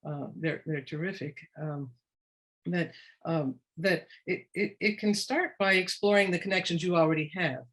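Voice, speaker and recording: A woman's voice: fairly low pitch, normal speed. A woman presenting in a webinar as an education expert, speaking encouragingly and often restarting mid-sentence. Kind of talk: webinar discussion.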